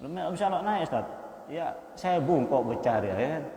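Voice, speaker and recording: A man's voice: a little high, very animated, brisk, warm tone. A man giving a Quran study sermon, repeating points and tagging them with "ya kan?". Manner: repetitive, punctuates with "ya kan?". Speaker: preacher. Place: mosque hall. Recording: roomy mosque reverb.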